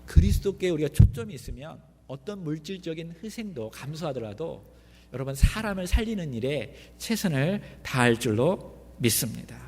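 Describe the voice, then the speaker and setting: Speaking at normal speed, this man's voice sits a little high and sounds very animated and a little mellow. He is a pastor delivering a sermon in a church sanctuary and poses many questions to the congregation. The hall's long reverb and slight background noise are audible.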